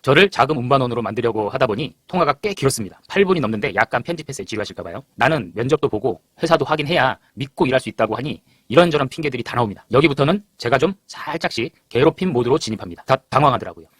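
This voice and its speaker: Fast-talking man narrating, dry sound. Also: mid-range voice, lively intonation, a bit bright, breathy edge, dry recording. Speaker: narrator, video creator. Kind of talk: explanatory voice-over narration.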